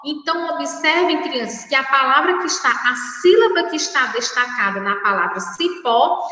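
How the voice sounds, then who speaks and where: A middle-aged woman teacher giving a slow, patient lesson to young children, spelling out syllables one by one. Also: sits high, animated, sharp tone. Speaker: primary school teacher. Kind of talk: recorded classroom lesson for children. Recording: echoey room, mic far off.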